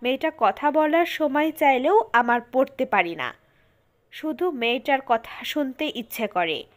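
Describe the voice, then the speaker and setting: A sulky young student girl, voiced by a woman reader, whining and complaining with a pout in her voice. Fairly high, plain storybook delivery. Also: expressive, unhurried. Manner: whiny, complaining.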